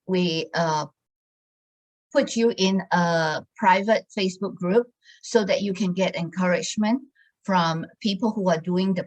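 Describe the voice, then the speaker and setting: A lowish-voiced woman in her sixties talks casually about a wellness program she's selling. The poor audio captures a hesitant delivery packed with fillers and restarts.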